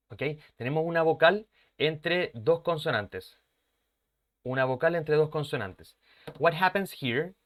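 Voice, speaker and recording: Running a live English class online, this man, whose first language is Spanish, explains with English mixed in and repeats example words slowly. His voice is on the high side.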